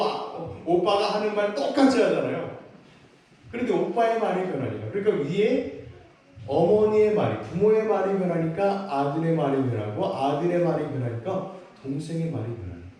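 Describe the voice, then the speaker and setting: A male pastor delivers a lively sermon with a swooping, expressive pitch. His voice carries through a very echoey church hall, picked up from far off the mic. Faint noise sits under the recording. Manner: animated, acts out parents' lines and leads the congregation in call-and-response. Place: large church sanctuary.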